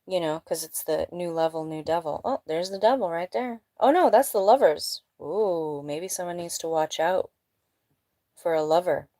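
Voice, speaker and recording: A woman's voice: lowish voice, moderate pace, dark tone, dry recording. A woman giving a casual live tarot reading, blunt and emphatic, with a sniffly nose, indoors at home. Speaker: tarot reader.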